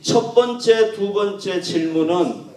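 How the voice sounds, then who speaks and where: Male pastor, fairly high voice, lively delivery, earnest sermon, recorded from a distance in a church. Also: slow pace. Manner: earnest, emphatic, swings from loud to soft. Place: church sanctuary. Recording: echoey church room from a distance.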